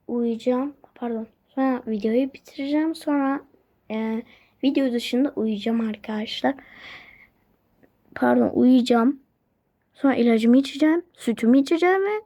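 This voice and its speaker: A woman's voice: fairly high pitch, warm tone. A young woman narrating a game role-play vlog in casual chat, rambling and repeating herself, and saying she is sick and coughing. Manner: rambling, repeats herself, chatty asides to viewers. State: says she is sick and coughing, voice sounds bad.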